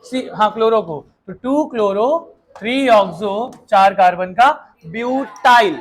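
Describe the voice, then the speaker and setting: Brisk, coaxing male chemistry teacher. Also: high voice. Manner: brisk, coaxing, quizzes the class and urges them to hurry; mixes Hindi with English terms. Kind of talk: classroom lecture.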